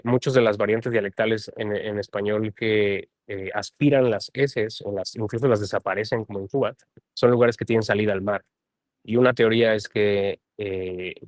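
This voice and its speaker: A Mexican man with a lowish voice talks as a guest in a casual conversation. He thinks aloud, qualifies his ideas and often tags his sentences with a soft question. The sound is dry and close. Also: no echo. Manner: thoughtful, hedging, often adds a questioning tag. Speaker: translator and guest.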